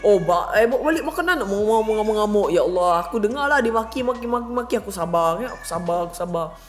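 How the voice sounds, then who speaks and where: A married woman vlogging, telling a casual story with lively acted-out quotes and English words mixed in. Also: fast, soft background music. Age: adult, married. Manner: animated, acts out quotes with big pitch jumps, mixes English in.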